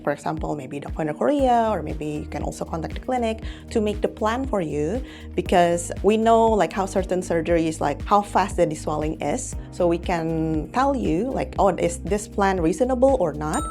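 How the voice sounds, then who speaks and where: Young indonesian woman vlogging, lowish raspy fry voice, chatty with lots of little laughs. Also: a little mellow. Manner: chatty, laughs often, many fillers. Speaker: clinic employee and patient. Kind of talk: casual vlog testimonial.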